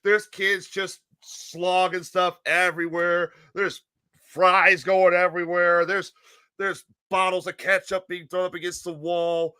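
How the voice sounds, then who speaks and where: A male podcast host telling a rowdy story in an animated way, laughing often and swearing freely. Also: sits high, unhurried, smooth, no echo, clean studio sound.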